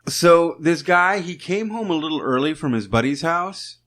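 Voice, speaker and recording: A man's voice: fairly high pitch, lively intonation, normal speed, a bit bright. A man co-hosting a podcast, chatting casually and telling stories with jokes and swearing. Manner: profane, joking, storytelling. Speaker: podcast co-host. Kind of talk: casual chat.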